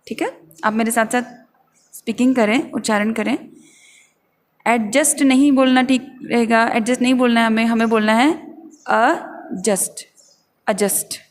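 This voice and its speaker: Woman teaching pronunciation, slow and patient. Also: mid-range voice, long reverb tail. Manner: patient, repeats words slowly for students. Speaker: English teacher. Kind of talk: pronunciation lesson.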